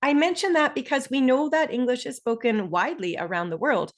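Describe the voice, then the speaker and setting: Her voice sits high as she leads a webinar, explaining deliberately and clearly while stressing the important terms. She's from Ontario, Canada and speaks with a Canadian accent.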